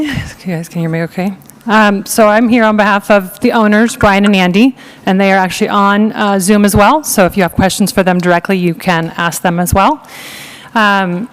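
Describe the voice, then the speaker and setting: A woman's voice: medium pitch, moderate pace. Woman pleading a case in a reverberant chamber. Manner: friendly, explanatory and persuasive. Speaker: appellant's representative. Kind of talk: public comment at a council meeting. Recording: long reverb of a council chamber.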